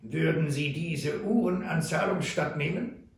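A man's voice: fairly high pitch, distant mic, a little hiss or hum, voice pushed up, lightly acted. Man doing a sly, drawling old trapper. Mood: mocking. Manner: slow, teasing drawl. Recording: roomy echo.

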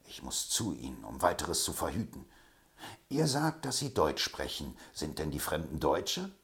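A man reads out a storybook swindler with a deep voice that leaps around as he frets. He schemes and curses in short, urgent bursts, always on edge. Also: wildly swooping pitch, normal speed, fairly bright tone, heavily acted. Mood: agitated. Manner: agitated, exclaiming. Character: scheming male swindler, middle-aged, excitable.

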